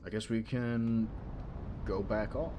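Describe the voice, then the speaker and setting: A man's voice: fairly low pitch, fairly even intonation, slow pace, background noise. A man giving casual gameplay commentary, musing to himself in a hesitant way as he plays. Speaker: game streamer.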